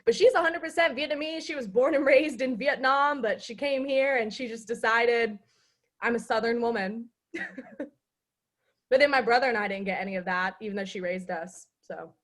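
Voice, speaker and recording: Young woman, higher voice, casual chat, animated storytelling, video call. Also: normal speed. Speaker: student club member.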